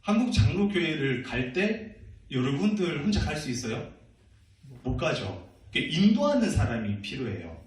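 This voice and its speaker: A man's voice: on the high side, sing-song, moderate pace. A middle-aged man preaching to teenagers as senior pastor, playful and full of questions and laughs. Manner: playful, asks the youth questions, laughs often. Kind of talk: youth sermon. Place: church hall. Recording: echoey room, from a distant mic.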